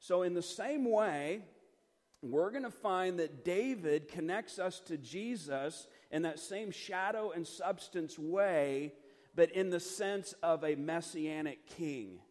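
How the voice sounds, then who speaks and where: A middle-aged man teaching scripture in a relaxed, earnest way, with a slightly higher voice than most men. He restarts his sentences and fills pauses with ums and you-knows. The hall gives his words a long reverb. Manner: earnest, conversational, many fillers and restarts. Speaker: pastor. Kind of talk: Bible study teaching.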